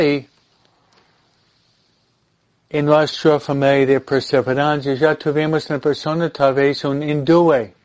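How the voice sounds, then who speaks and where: Slow-speaking male priest with English-accented Spanish. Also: on the high side, darkish tone, muffled recording. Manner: deliberate, halting delivery with repeated phrases. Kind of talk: informal religious talk and blessing.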